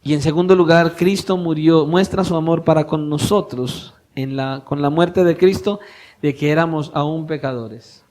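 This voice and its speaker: A male pastor preaching a sermon, asking his congregation pointed questions and moving between soft, low lines and louder emphatic ones. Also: normal speed. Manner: questions the congregation directly, swinging from soft to loud.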